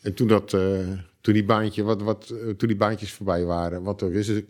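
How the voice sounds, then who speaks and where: A man conducting a casual, conversational interview, asking gently probing questions. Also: on the low side, flat delivery, moderate pace. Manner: gently probing, short acknowledgements.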